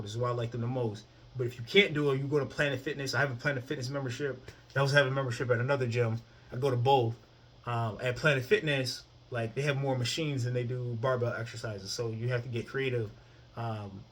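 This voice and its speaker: Addressing the camera, a man in his thirties who vlogs about fitness chats casually about his personal routine, frequently adding "you know what I mean?" His mid-range voice is fairly bright and slightly rough.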